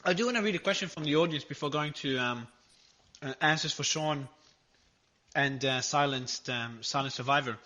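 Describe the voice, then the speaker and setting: A man's voice: on the high side, moderate pace, bright, forceful tone. A man hosting a live audio chat, reading audience questions aloud while eating. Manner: casual, reads audience questions. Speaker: host. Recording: dull lo-fi audio.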